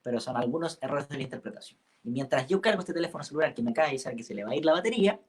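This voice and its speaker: A man co-hosts a singing workshop. His voice is mid-pitched, and he talks in a casual, unhurried way, often picking up where his partner leaves off. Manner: relaxed, finishes partner's sentences.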